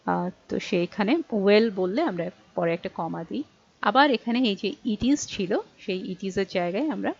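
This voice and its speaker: A woman with a Bangladeshi accent teaching an exam-prep English lesson, explaining patiently, reading English examples slowly and checking in with her students. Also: medium pitch, no echo, muffled recording.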